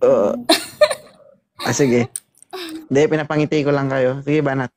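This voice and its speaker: Man, matchmaking host, teasing, joking banter, mid pitch. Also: steady tone, measured pace, a little mellow. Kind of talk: casual chat.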